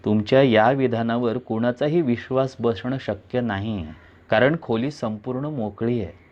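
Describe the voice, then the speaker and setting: A man's voice: mid-range voice, a little slow. A man giving a dramatic reading of a thriller, narrating suspensefully in the second person. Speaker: reader. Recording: dull lo-fi recording.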